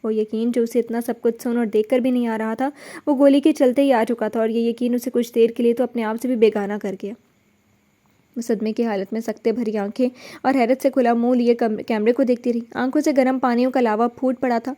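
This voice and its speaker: A woman narrating a dramatic novel in an expressive, emotional style. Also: on the high side.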